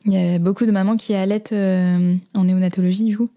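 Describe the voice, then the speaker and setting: A woman's voice: medium pitch, fairly even intonation, quick pace, mellow. A woman co-hosting a podcast, a general practitioner, reading a scripted intro with playful asides and then asking interview questions. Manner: playful, jokey.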